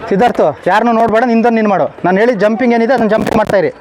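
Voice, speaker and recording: A man's voice: high-pitched, fairly even intonation, rapid-fire. A man coaching a children's boxing class, counting reps aloud, barking commands and praising or scolding the kids bluntly. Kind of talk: live training class. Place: outdoor training ground. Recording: noisy outdoor recording.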